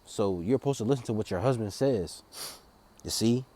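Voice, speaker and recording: A man with a low, mellow voice reads Bible verses in a slow, solemn cadence. Between passages he slips into loose, drawling commentary, stumbling over and repeating words as he talks. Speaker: street preacher. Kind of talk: Bible reading with casual commentary.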